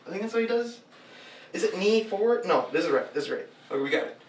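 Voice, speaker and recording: A young man in costume, a cosplayer filming fighting-game moves, chats casually and giggles at himself as he acts them out before a green screen indoors. His voice is high, sing-song and creaky, and he talks fast in a chatty, self-mocking way. A far-off camera mic picks him up in an echoey room, with a little hiss or hum.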